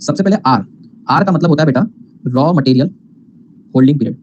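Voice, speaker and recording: Fast-talking male accounting teacher. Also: a little high, a little mellow, dull audio, slight background noise. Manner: mixes English terms, calls students "beta", asks and answers own questions. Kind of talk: classroom lecture.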